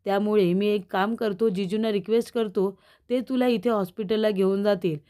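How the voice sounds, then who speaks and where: A woman's voice: medium pitch, fairly even intonation, moderate pace, dark tone, lightly acted. A woman voicing a cheerful, courteous young man, reading his lines in a TV serial recap. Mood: friendly. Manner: friendly, courteous.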